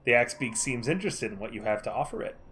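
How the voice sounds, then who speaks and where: A man's voice: mid-range voice, lively intonation, quick pace, fairly bright tone. A man narrating as game master of a tabletop game, matter-of-fact and often laughing.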